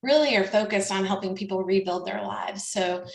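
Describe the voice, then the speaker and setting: A woman's voice: medium pitch, moderate pace, creaky. Earnest woman in an echoey room. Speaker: nonprofit executive director. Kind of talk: panel introduction. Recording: roomy echo.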